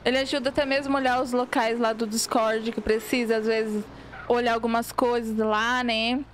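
Chatty high-voiced Minas Gerais woman streamer. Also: level tone, moderate pace, slight background noise. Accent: Minas Gerais Portuguese. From Minas Gerais, Brazil. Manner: chatty, reads chat aloud, mixes in English words. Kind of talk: casual live-stream chat with viewers.

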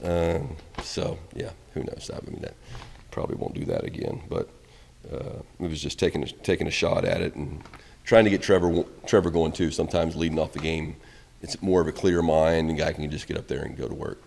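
Middle-aged male coach, deep low voice, candid rambling answers, reverb in the press room. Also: fairly even intonation, fairly quick, gravelly, a little hiss or hum. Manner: candid, rambling, trails off quietly at ends of answers. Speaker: college baseball head coach. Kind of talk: postgame press conference. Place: press room in front of a backdrop. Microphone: reporters' phones and handheld mics held close.

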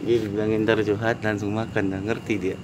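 At a night market outdoors, a man with a lowish, level voice talks casually to stray cats as he feeds them, coaxing them with short, repeated calls at a slightly quick pace. Cats and passing vehicles can be heard in the noisy background.

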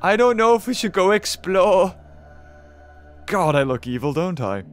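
A young man with a sore, rough throat narrates his gameplay in a casual, excitable way. His voice sits a little high and swings widely as he reacts. Game music plays softly underneath. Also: a little slow. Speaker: gaming video host.

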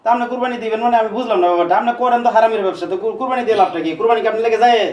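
A sneering male sidekick, acted by a man who mocks the debtors in a homemade village drama. His voice sits high and moves quickly. The room sounds echoey, and he is heard from some distance away. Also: a little mellow, natural voice. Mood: mocking. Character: mocking male enforcer for the moneylender.

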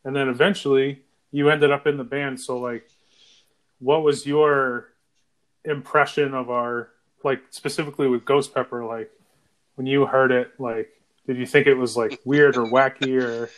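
A man co-hosts a band podcast with a middle-pitched voice. He talks in loose, rambling phrases. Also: little pitch movement, moderate pace. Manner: loose, filler-heavy phrasing. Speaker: podcast co-host, band bassist. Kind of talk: casual podcast chat.

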